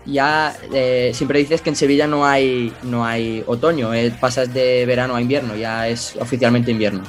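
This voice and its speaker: A man's voice: mid-range voice, fairly even intonation, normal speed, soft background music. A man hosting a casual podcast over a video call, greeting his co-hosts and teasing them. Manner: jokey, teasing. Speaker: podcast host.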